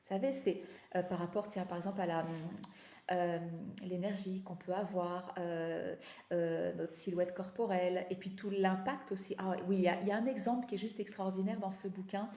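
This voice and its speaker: Tired woman coaching on a live, soft dark tone, bit of a slushy lisp, repeats herself, echoey room. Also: lowish voice, steady tone. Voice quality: slight lisp, slushy s sounds. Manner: halting, repeats phrases for emphasis. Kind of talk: casual motivational live chat. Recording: echoey, roomy sound.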